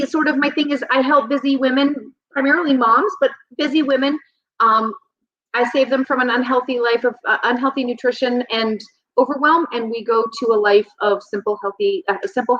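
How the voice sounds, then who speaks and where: A woman's voice: on the high side, fairly even intonation, brisk, a bit bright. Chatty woman health coach, lo-fi. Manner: reflective, rambling with many ums. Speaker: health and nutrition coach, guest. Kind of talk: casual conversational interview. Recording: slightly dull, lo-fi sound.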